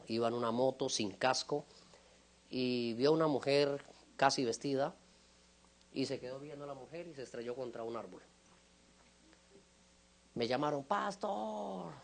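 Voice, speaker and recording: A male pastor preaching a sermon, telling stories with animated voices and sudden shouts. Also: medium pitch. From Latin America. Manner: animated storytelling, acting out voices and shouting at peaks.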